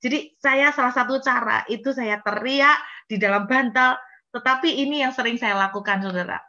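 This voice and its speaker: A woman pastor preaching in a lively, conversational way with a slight tinge, now and then acting out cries and prayers. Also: on the high side, normal speed, lo-fi sound. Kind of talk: sermon.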